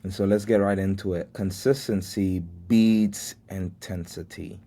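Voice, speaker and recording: His voice is low, mellow and slightly breathy, with fairly even intonation and a slightly slow pace. He is a US podcast host in his twenties whose first language was Haitian Creole, reflecting alone on life lessons with earnest faith and the occasional laugh at himself.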